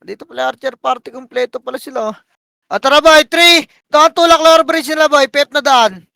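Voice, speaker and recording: A man calling shots for his team in live game voice chat, barking rapid commands and countdowns and swearing. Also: extremely high pitch, gravelly, pushed and bright, dry recording. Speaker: team shotcaller.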